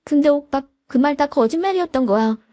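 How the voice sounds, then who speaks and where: A woman putting on a shrill spoiled daughter-in-law. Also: animated, moderate pace, no echo, clean studio sound. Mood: tearful. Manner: sharp, whining and pleading.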